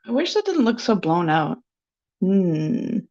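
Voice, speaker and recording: A woman's voice: medium pitch, big pitch swings, slow pace, darkish tone. A sniffly woman painter chatting casually on a live stream, rambling and giggly with lots of filler words. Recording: dull lo-fi stream audio.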